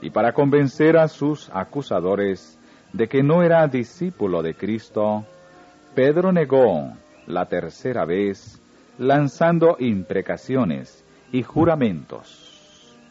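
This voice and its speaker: A man reading a religious story aloud in a slow, solemn narrating manner. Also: medium pitch, big pitch swings, warm tone. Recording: dull lo-fi recording with faint music.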